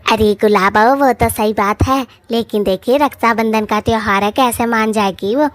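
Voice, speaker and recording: A gossipy middle-aged mother from a cartoon, voiced by a woman. She nags and frets in homely, folksy speech, pitched a bit high and spoken loud. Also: normal speed, close to an everyday voice. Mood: pleading. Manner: nagging, rustic folksy speech.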